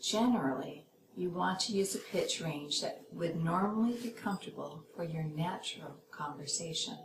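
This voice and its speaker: A woman hosting a podcast lesson for lectors, reading a scripted lesson in a measured way and voicing example sentences to show intonation. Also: on the low side. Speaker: podcast host teaching lectors. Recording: echoey room with clear background noise.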